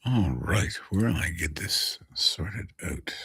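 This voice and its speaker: On a relaxed live stream, a male voice actor talks with viewers, using a deep, gravelly voice and a slow, dramatic style that falls to a whisper. His tone comes across bright and forceful.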